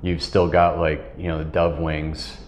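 A man's voice: rumbling low, level tone, a little slow, reverberant, slight background noise. A middle-aged man, a tall ship captain, telling sailing stories in a casual, rambling way with laughs, on a lapel mic. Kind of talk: casual storytelling interview. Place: wood-paneled ship cabin.

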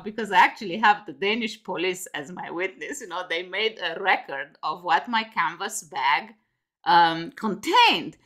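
Speaking from a room at home lined with bookshelves, this Romanian-born guest in her fifties, a native Romanian speaker, chats animatedly on a casual video call interview. She laughs a lot and says "you know" often, and her voice sits on the high side with a bit of brightness.

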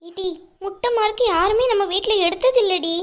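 A woman's voice: very high voice, moderate pace. A woman voicing a bossy, teasing older sister in a cartoon, with a Tamil accent. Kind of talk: cartoon voice acting.

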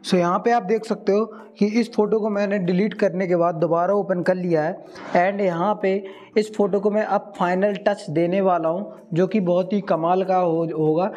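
A man's voice: high-pitched, muffled recording. Man narrating an editing tutorial. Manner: steady instructional, mixing English words into Hindi. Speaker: video tutorial host. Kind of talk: step-by-step screen tutorial.

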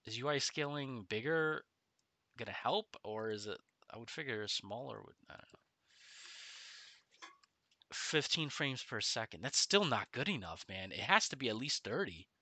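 Male game streamer, middle-aged, very bright forceful voice, mouth numb from the dentist, casual delivery, dry close sound. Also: medium pitch, expressive, normal speed, no room sound. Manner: speaking oddly with half his face numb from the dentist. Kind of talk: casual gaming livestream chat. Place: small room at home, indoors.

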